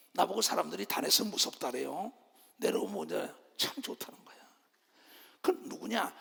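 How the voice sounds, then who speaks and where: A man preaching a sermon as pastor, swinging between loud shouting and low murmurs and calling the congregation to clap and raise their hands. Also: vocal fry, husky, long reverb tail.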